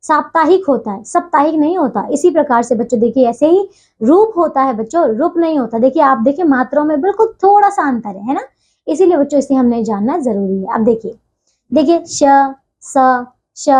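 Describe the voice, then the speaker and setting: A woman's voice: high voice, animated, fast, warm tone. A woman teaching a grammar lesson to young children, patiently repeating each word and checking in as she goes. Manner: patient, repeats words and checks with "theek hai".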